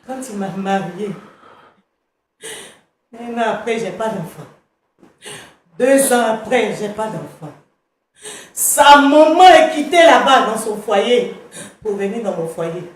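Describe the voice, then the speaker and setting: A woman performing a grieving mother in a comedy sketch, lamenting theatrically with shouts and sung wails. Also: medium pitch, animated, slow, pauses often, very echoey, distant mic, a little hiss or hum. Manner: wailing, shouting and singing her daughter's name; theatrical lament with sudden outbursts. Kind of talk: comic melodrama acting.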